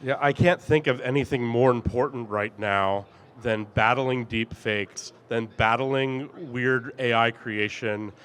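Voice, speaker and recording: A man's voice: mid-range voice, a little slow, hardly any pauses, fairly bright tone. A man hosting an interview, talking with enthusiasm and lots of ums and fillers. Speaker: interview host, company CEO. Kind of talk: conversational interview.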